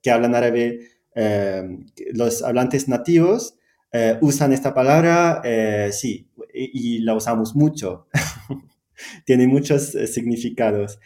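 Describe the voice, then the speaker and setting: A man's voice: mid-range voice, slow pace, darkish tone, echoey room. A man whose first language is Arabic, speaking Spanish as a guest teacher, hesitant with many fillers and frequent laughs. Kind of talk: conversational interview.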